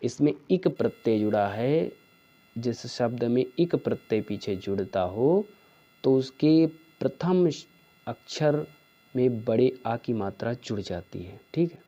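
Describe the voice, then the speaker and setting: Dude teaching spelling for exams, slow and patient, keeps saying "theek hai", kinda muffled audio. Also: male voice, mid-range voice, lively intonation, dark tone. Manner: slow, repeats each answer with a checking "theek hai". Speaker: Hindi teacher. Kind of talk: exam-prep spelling lesson.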